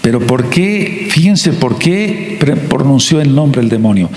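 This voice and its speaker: A man with a Mexican Spanish accent preaching a sermon, repeating his points and slowing down to stress key words. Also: medium pitch, lively intonation, a little mellow. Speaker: pastor. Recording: echoey hall.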